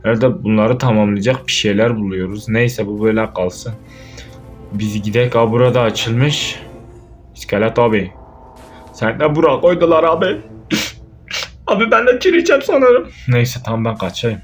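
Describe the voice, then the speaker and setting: A man's voice: lowish voice, normal speed, faint music behind. Jumpy young man playing a horror game. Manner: jumpy, swearing, yelling in fright. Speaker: gaming YouTuber. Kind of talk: let's play commentary.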